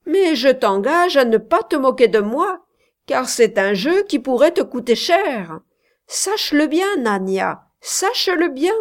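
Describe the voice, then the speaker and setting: A woman voicing a jealous young male shepherd who rants loudly and with scorn, threatening the girl he loves. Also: fairly high pitch, expressive, slow pace. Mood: angry, accusing. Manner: loud, ranting, contemptuous.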